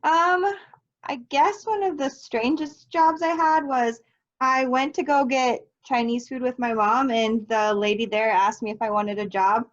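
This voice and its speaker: A woman's voice: fairly high pitch, fairly even intonation, a little slow. Cheerful young woman teacher on a lo-fi call. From Nebraska, United States. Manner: cheerful, easygoing, light laughs. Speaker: third grade teacher, guest. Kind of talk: casual interview answers.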